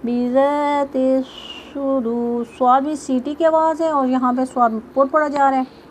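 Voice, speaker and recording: A woman teaching tajweed, explaining each rule step by step and reciting verses slowly in a drawn-out melodic voice. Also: high voice, fairly even intonation, slight background noise.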